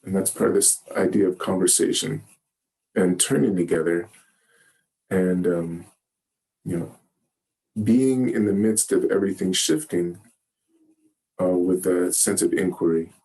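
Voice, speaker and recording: A man giving a Zen dharma talk, gentle and halting, often pausing to search for words. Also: low-pitched, fairly even intonation. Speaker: Zen teacher. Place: meditation hall.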